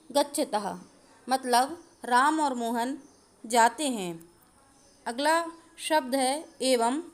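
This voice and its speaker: A woman teacher going through Sanskrit grammar answers, dictating them slowly and methodically. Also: sits high. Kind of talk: explaining a grammar lesson.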